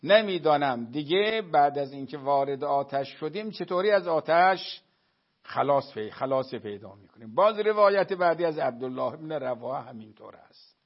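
Male religious lecturer, higher-pitched, storytelling delivery with measured Arabic recitation; lo-fi, dull recording. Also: expressive. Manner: storytelling, addresses listeners as dear friends; recites Arabic quotations slowly.

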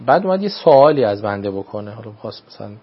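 A man speaking as a religious adviser on a talk show, in a formal, measured way, often repeating set phrases. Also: on the low side, big pitch swings, dull audio. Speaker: religious speaker giving advice. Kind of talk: radio talk show guest.

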